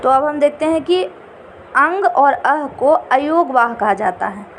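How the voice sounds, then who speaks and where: A woman teaching an exam-prep lesson, repeating each definition slowly. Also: sits high, lively intonation, a little hiss or hum.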